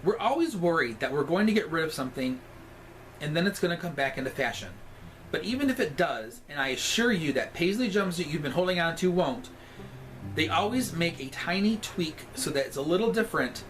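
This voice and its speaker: Sassy drag queen storyteller, higher-pitched male voice. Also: expressive, a little fast, a bit bright, slight background noise, low-quality recording. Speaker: storyteller reading aloud. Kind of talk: scripted comic storytime reading.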